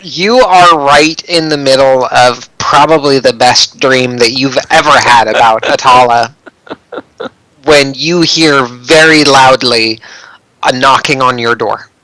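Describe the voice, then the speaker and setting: A man narrating as dungeon master in a tabletop game, talking in a relaxed, conversational way with fillers. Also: mid-range voice, unhurried, dry recording, poor audio.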